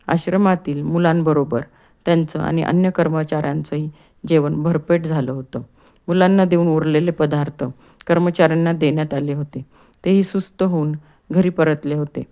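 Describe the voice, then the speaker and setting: A woman narrating an audiobook chapter in a calm, steady reading voice. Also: low-pitched. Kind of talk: scripted storybook narration.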